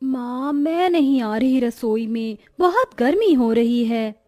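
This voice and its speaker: A woman's voice: sits high, expressive, slow pace, warm tone, soft background music. A woman voicing a stubborn, spoiled young bride in a cartoon story who talks in a petulant way. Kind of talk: Hindi cartoon voice acting.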